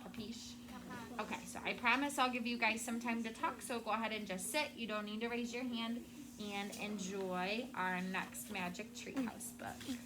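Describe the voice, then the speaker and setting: A schoolteacher with a voice on the high side reads aloud to children in a classroom at a normal speed, explaining in simple words and checking in with questions. Background noise is audible.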